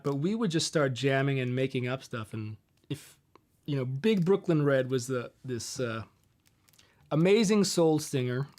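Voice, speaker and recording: Relaxed rambling man on a live stream. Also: a little high. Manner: relaxed, rambling, answers viewer questions with fillers. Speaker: host of a live guitar Q&A stream. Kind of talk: casual live-stream chat.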